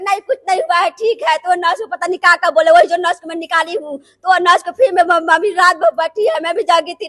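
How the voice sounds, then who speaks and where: Distraught high-voiced woman. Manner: distraught, crying and shouting accusations. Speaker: grieving relative of patient. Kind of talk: emotional testimony to reporter.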